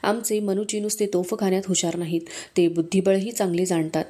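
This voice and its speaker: A woman reading aloud, voicing a smooth, persuasive male nobleman who speaks in a coaxing way. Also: medium pitch, flat delivery, fairly quick, warm tone, lightly acted. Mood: genial.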